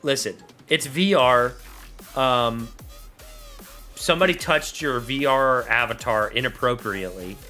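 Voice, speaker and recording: Bright-voiced man telling a story. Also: mid-range voice, measured pace, soft background music. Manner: animated storytelling, mocking. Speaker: podcast co-host. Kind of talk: casual chat.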